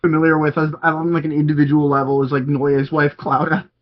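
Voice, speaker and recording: A man's voice: a little high, little pitch movement, fairly quick. Rambling man on a lo-fi podcast. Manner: rambling, many fillers and restarts. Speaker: podcast co-host. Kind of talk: casual chat. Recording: dull lo-fi audio.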